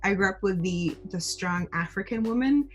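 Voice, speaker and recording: A woman from Germany speaking in a measured, thoughtful way in a casual podcast discussion. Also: mid-range voice, expressive, faint music behind. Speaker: podcast co-host.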